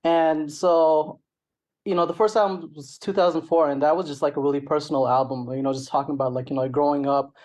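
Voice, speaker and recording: A middle-aged rapper and songwriter from Toronto, Canada, speaks casually as an interview guest, rambling with lots of "like" and "you know" asides. His Canadian-accented voice is a little high and a little mellow, brisk in pace, with fairly even intonation.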